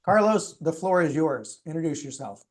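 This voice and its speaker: Measured man presenting a lecture. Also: on the high side, lively intonation. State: losing his voice. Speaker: course presenter. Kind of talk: reading a prepared lecture.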